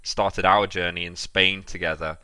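A man's voice: low voice, little pitch movement, moderate pace, pushed and bright, clear, resonant tone, no room sound. A man co-hosting a podcast, chatting eagerly and sharing his own experience. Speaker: podcast co-host. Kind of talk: casual chat.

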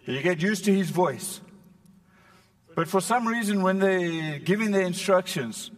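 Male preacher, animated storyteller, higher voice, mic set a little back. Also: unhurried, in a large hall, recorded from a distance. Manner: animated storytelling with playful asides. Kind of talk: sermon.

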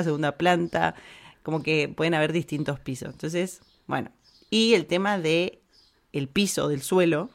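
An Argentine woman vlogs to camera in casual conversation, speaking with an Argentine Spanish accent in a low voice. She comes across animated and opinionated, with plenty of fillers.

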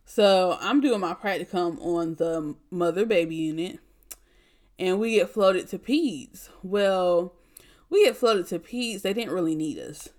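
A young woman, chatting casually as a podcast host and telling nursing stories, animated, often laughing and acting out quotes. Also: fairly low pitch, unhurried. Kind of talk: casual storytelling chat.

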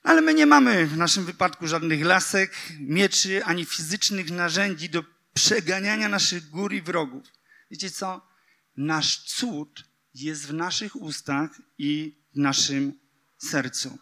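A man's voice: on the high side, a little slow, creaky, sharp tone. A man preaching a sermon, speaking directly to his congregation, reading scripture aloud and breaking into emphatic outbursts.

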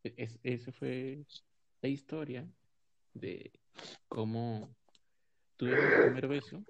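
A Mexican man telling a story in casual chat, rambling with plenty of self-mockery. His voice sits at a middle pitch. The recording sounds dull and lo-fi. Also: fairly even intonation, slow, noisy background. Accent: Mexican Spanish.

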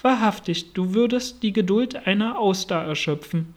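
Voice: mid-range voice, moderate pace, lightly acted. A reader voicing a cheeky young toad talking back to her mother.

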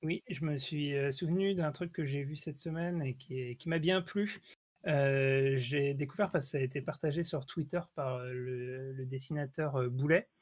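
A man's voice: a little high, normal speed. A man co-hosting a casual podcast chat, talking with many fillers and laughing often. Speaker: podcast co-host.

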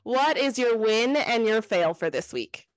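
A woman hosting a casual podcast, chatty and responsive, reacting warmly to her guest's stories. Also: on the high side, lively intonation, unhurried, dry recording, soft background music, rough recording. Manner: chatty, reacts with sympathetic interjections. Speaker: podcast host.

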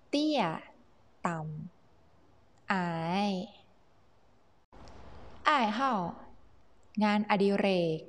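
A woman's voice: mid-range voice, a bit bright. A woman narrating a scripted bedtime language lesson for learners. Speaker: narrator of a Chinese vocabulary lesson for Thai speakers. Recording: long reverb, music behind the voice. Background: music.

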